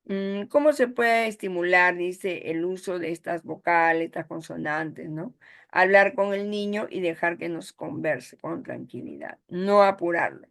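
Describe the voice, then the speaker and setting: Teaching an online course, a woman with a Peruvian Spanish accent explains the material and frequently checks in by asking "¿ya?" and "¿no?". She has a fairly low pitch, lively intonation, and a fairly bright tone, speaking a little slowly.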